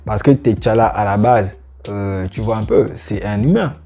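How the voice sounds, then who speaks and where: A man's voice: lowish voice, a little slow, mellow, soft background music. A young man giving his opinion in a casual reaction vlog, talking straight to his viewers with lots of fillers. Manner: conversational, addresses viewers directly, many fillers. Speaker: YouTube reaction channel host.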